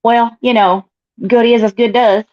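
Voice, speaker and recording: A woman speaking through a voice changer that morphs her voice higher, a guest on a live-streamed panel who talks loudly and teasingly. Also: steady tone, a little slow, no echo, highs cut off. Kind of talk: casual chat.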